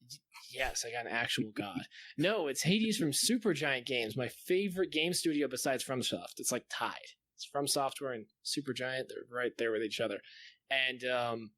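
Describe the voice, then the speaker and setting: A male podcast co-host chats casually and enthusiastically about games, swearing now and then. His mid-range voice is animated and fairly bright at a normal pace, recorded with no room sound.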